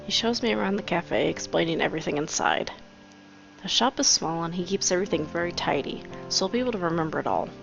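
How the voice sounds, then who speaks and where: A woman's voice: on the low side, expressive, quick pace, gravelly. A woman voicing a cheerful young schoolgirl heroine who narrates in a chatty, wry, playful way. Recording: dull lo-fi with game music.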